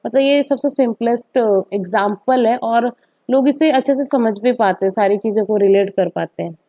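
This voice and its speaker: A woman's voice: fairly high pitch, normal speed. Woman teaching maths, lo-fi sound. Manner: explains step by step with frequent rhetorical questions and "okay". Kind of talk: whiteboard maths lecture.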